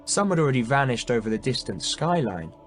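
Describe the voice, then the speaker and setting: A man narrates a historical battle novel in a measured, dramatic way. His voice sits in a middle pitch, and faint music plays beneath him. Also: sing-song. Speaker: audiobook narrator. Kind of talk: scripted narration.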